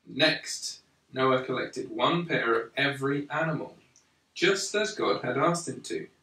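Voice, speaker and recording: A man slowly and deliberately reads a Bible picture book aloud to a young child, pausing between phrases. His voice is bright and of ordinary male pitch, and he sits far from the microphone in a roomy, echoey space.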